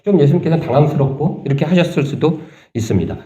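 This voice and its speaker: A man preaching a sermon as pastor, talking conversationally and asking the congregation rhetorical questions, turning animated and indignant at points. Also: fairly high pitch, fast, echoey room. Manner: animated, rising sharply when voicing indignation. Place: church sanctuary.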